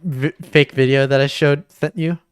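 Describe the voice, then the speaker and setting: A man co-hosting a livestream in casual chat, excitable and jokey, swearing now and then. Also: medium pitch, normal speed, smooth, dry recording, studio quality. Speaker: stream co-host.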